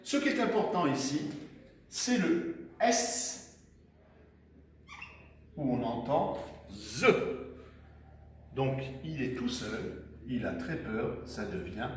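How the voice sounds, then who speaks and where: A man teaching young children a dictation lesson with an animated storytelling tone, spelling words out slowly syllable by syllable. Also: mid-range voice, recorded from a distance. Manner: animated storytelling tone, personifying letters; slow, syllable by syllable. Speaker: primary school teacher. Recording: echoey room, voice from afar, faint noise.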